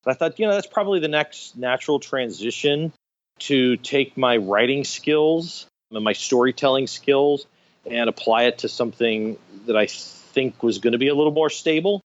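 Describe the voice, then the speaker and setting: A man in his fifties with an American accent tells stories casually as a podcast guest, using self-deprecating humor. His voice is mid-range and moderately paced, heard over a dull, lo-fi remote online call.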